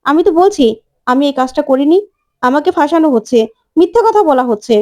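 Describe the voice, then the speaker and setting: A woman's voice: high voice, expressive, fairly quick, a little mellow. Woman doing a scheming, defensive young wife. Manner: defensive, pleading.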